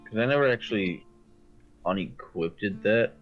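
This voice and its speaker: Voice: low voice, animated, measured pace. A tabletop game player chats casually. The audio is dull and lo-fi, with faint music playing behind the voice. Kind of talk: casual chat.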